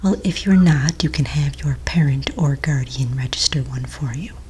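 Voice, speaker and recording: In a soft-spoken ASMR roleplay, a woman plays a patient, polite office manager who registers fantasy pets, gently asking official questions with small hesitations. Her bass voice is breathy and half-whispered at a normal pace. A close mic picks up faint noise plus computer keyboard typing and clicks.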